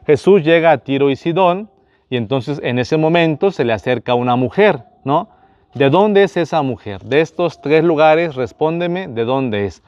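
A man's voice: on the high side, expressive, normal speed, darkish tone, no echo, highs cut off. A man, a priest, running a Bible quiz for his viewers, asking each question, repeating it, and speaking to them directly.

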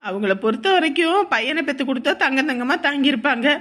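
A woman's voice: sits high, animated, fast talker, a bit bright. A woman voicing a worried village wife in a cartoon, pleading and reasoning. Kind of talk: cartoon voice acting.

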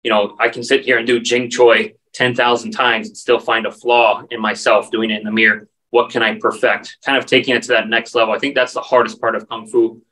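Speaking a little fast with few pauses, this man has a medium-pitched, sharp voice with little pitch movement. He's a martial arts instructor in his forties, earnestly laying out his training and steadily listing terms as a video call interview guest, standing away from the camera in a dim indoor room with distant-sounding audio.

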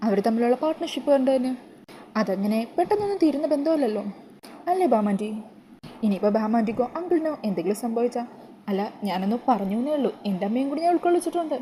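A sly young schemer voiced by a woman retelling a TV serial, coaxing and wheedling in a slightly high, quick voice. The tone stays soft and mellow rather than bright. Faint room ambience sits behind her. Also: slight background noise.

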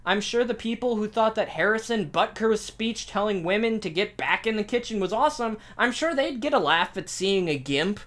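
A man's voice: high voice, normal speed, hardly any pauses. Sarcastic man reviewing a cartoon. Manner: sarcastic, mocking, animated. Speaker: video reviewer. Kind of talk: sarcastic commentary.

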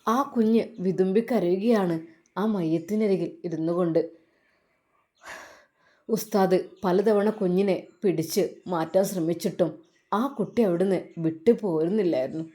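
A woman's voice: on the low side, normal speed, warm tone. A woman narrating a dramatic religious story in an emotional, exclaiming way.

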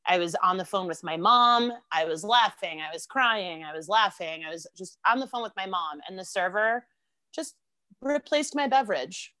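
A woman with an American accent appears as a podcast guest, chatting casually, laughing often and telling stories animatedly. Her voice is medium-pitched at normal speed, with no room sound.

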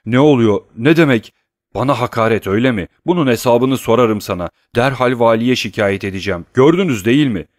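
A man reading an audiobook, voicing a coarse, bullying male swindler who rants and hurls insults loudly. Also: fairly low pitch, animated, a little fast, no room sound, studio quality, natural voice. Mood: outraged. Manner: loud, abusive ranting.

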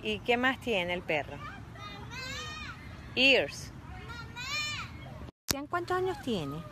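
A middle-aged woman chatting in a casual phone vlog, lively and coaxing with children. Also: mid-range voice, extremely slow, background noise. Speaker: influencer.

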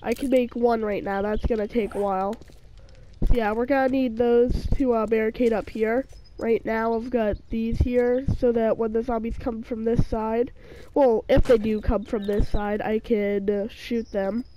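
Her voice is warm and slightly high, level in tone and at normal speed, though illness makes it sound off. As a gaming channel host, she rambles through casual let's-play commentary on her survival game, full of fillers and restarted sentences. The audio is poor, with a little hiss or hum.

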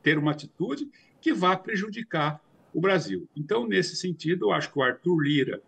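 Gravelly, husky older man on a video call. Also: high-pitched, sing-song, normal speed, fairly bright tone. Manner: explanatory, hesitant with repeated fillers. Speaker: commentator. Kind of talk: remote news commentary. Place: home study with bookshelves.

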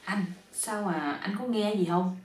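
A woman's voice: mid-range voice, a little slow, distant mic, close to an everyday voice. A woman voicing a fussy young wife who whines and pleads with her husband. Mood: whiny. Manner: pleading, whiny. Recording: roomy, a bit off-mic.

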